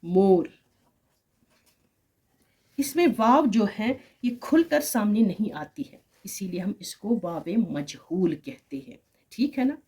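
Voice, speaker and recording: Mellow-voiced woman teaching grammar. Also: medium pitch, animated. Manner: explains slowly, repeating example words and asking "right?". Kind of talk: online grammar lesson.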